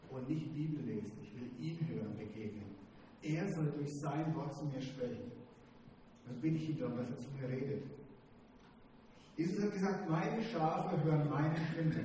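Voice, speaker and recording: A man delivers a sermon in a calm, meditative, unhurried manner, pausing often. His voice sits a little high but sounds mellow. It rings through a large hall with long reverb and reaches the mic from some distance. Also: a little hiss or hum. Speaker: preacher. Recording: echoey hall, voice from afar.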